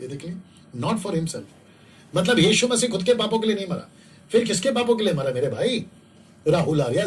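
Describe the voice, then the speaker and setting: A man preaching an evangelistic sermon, exhorting his listeners and repeating his phrases for emphasis. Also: high-pitched. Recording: distant mic with faint background noise.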